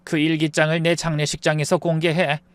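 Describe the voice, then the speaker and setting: Dying elderly rich woman, gentle and remorseful, read by a man with a high voice; dry close audio storybook reading. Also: flat delivery, a little fast, clean tone, no echo, lightly acted. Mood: urgent, tender. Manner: soft, weary, apologetic speech.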